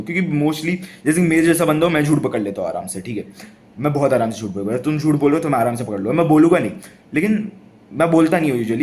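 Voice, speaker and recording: A young man talks straight to camera about dating, chatty and rambling. He laughs a lot, trips over his words and keeps restarting. His voice sits at an ordinary middle pitch. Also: a little mellow. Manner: rambling, laughs often, many restarts and fillers. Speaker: dating advice vlogger. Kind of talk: casual talk to camera.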